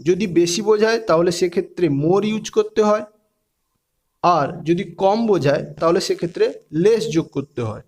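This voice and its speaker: A man's voice: high-pitched, a little mellow. A man teaching English grammar, explaining step by step and spelling words out letter by letter.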